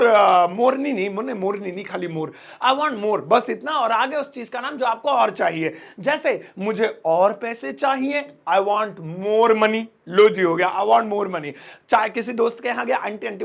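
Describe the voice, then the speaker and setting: A man teaching spoken in a casual Hindi lesson, joking and acting out little scenes, saying the phrases slowly. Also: high-pitched, a bit bright. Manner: playful, jokey, acts out little scenes; says English phrases slowly and clearly. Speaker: English teacher.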